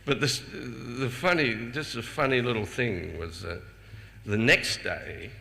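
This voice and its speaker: An older man telling personal anecdotes to a festival audience, chuckling often and stumbling over repeated words when he gets excited. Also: mid-range voice, slow, creaky, a crowd in the background. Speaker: speaker sharing personal memories. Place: festival hall before a live audience. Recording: reverberant hall with faint ambient noise.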